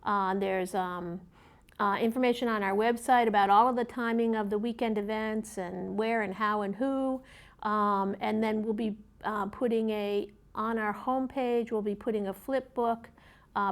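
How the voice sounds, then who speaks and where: A woman co-hosting and reading community event announcements in a conversational, slightly halting way. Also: medium pitch, steady tone. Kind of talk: conversational announcements, read from notes.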